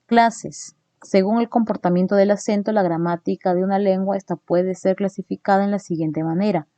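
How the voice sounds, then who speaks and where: A woman teaching a recorded phonetics lesson. She walks through her slides, often checks in with her listeners with a quick "¿no?", and says sample sounds slowly and deliberately. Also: medium pitch, steady tone, mellow, no echo.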